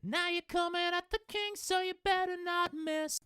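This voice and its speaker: A man's sung vocal track played back pitched up an octave, so it sounds like a helium chipmunk. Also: steady tone, normal speed, pushed and bright, no room sound, faint music behind.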